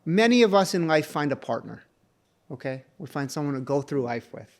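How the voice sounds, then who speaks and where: A man's voice: a little high, sing-song, fairly quick. A man co-hosting a podcast in casual chat, teasing his friend with mock-serious jokes. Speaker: podcast co-host.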